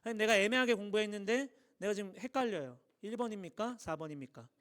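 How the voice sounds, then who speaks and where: A man in his thirties, a youth pastor, giving a lively sermon, acting out little dialogues and asking his listeners questions. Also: high-pitched, quick pace. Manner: animated, acts out dialogues, asks the audience questions. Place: church hall.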